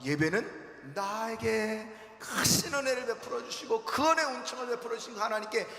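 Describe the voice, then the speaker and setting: A man preaching as pastor, acting out shouted prayers in a dramatic sermon, in an echoey church hall. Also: extremely high pitch, expressive, normal speed. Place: church sanctuary.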